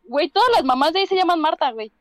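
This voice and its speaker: A woman's voice: extremely high pitch, animated, very fast. A Mexican woman chatting casually with friends, slangy and exasperated as she rants about a movie. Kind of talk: casual chat among friends.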